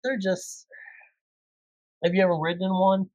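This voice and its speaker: A man's voice: high voice, flat delivery, moderate pace, a little mellow, no room sound. A man co-hosting a casual podcast chat, rambling along with lots of fillers. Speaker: podcast co-host.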